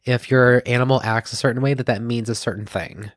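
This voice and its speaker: A man's voice: medium pitch, fairly even intonation, a little fast, no room sound, clean studio sound. An American man co-hosting a podcast, chatting casually and joking, rambling with plenty of fillers. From United States. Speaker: podcast co-host. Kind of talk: casual chat.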